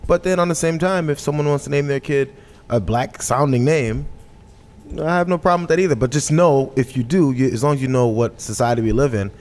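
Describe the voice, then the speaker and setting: A man speaking as a panelist in a discussion, with a voice of ordinary male pitch. He sounds easygoing and circles back on his own words as he talks. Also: brisk, darkish tone, big-room sound. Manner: easygoing, rambling restarts. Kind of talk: panel talk.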